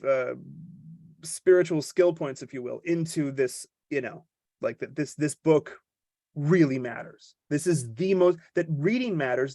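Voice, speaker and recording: A man with a fairly high voice chats on a podcast, wandering off on joking, self-deprecating tangents. The sound is dry and close, with no room around it. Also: a little mellow, dry recording. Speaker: podcast co-host. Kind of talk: casual podcast conversation.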